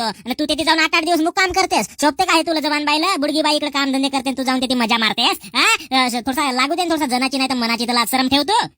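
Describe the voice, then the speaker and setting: A woman playing a sharp-tongued old village mother-in-law who scolds and taunts without pause. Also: high voice, no room sound, studio quality. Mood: complaining. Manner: nagging, taunting, rapid scolding. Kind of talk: rural comedy skit.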